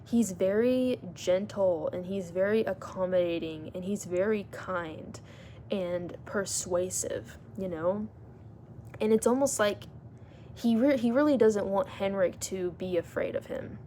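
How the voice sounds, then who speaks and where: A woman's voice: medium pitch, unhurried, dark tone, slight background noise. A woman talking to her vlog audience in an earnest, reflective, rambling way. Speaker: vlogger. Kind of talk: casual vlog monologue.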